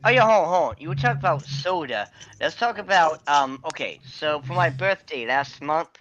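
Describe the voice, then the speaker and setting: Lively, bright man in his thirties. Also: a little high, moderate pace, a little hiss or hum. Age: 30s. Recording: muffled call audio.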